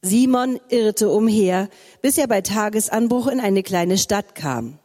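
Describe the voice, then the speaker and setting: A woman reads a children's story aloud in a church service, slow and with a lively, rising and falling voice. Her mellow tone carries a long church reverb. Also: medium pitch. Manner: slow, expressive reading.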